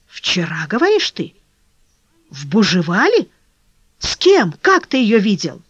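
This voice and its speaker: Narrator playing a panicky young worker guy, pleading, very lively pitch, dry close sound. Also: normal speed, breathy edge, no echo, full character voice. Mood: anxious. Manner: urgent, pleading, exclaiming. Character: anxious young male workman in love. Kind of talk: audiobook character voice. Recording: dull dry lo-fi recording.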